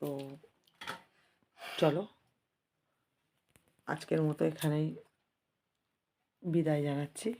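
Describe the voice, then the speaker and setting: This woman is a vlogger doing casual home-vlog chatter from her kitchen, hoarse because of a cold. She talks slowly in a lowish, flat voice, pausing often and treating viewers like friends, with slight room noise in the background.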